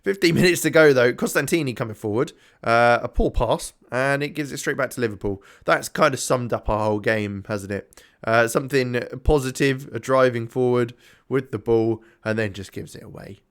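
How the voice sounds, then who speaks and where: Man, casual game commentary, rambling, tired, yawning, medium pitch. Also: moderate pace. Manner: rambling, self-chatting, thinks aloud with many ums. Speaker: gaming YouTuber. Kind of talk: casual let's-play commentary.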